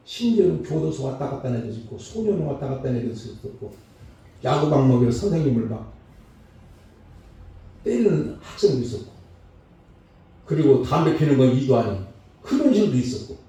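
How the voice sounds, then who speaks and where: A male pastor giving a Sunday sermon, swinging between loud, high calls and low, hushed lines. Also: very animated, a little fast, vocal fry, long pauses. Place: church sanctuary. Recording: very echoey church hall, mic far off.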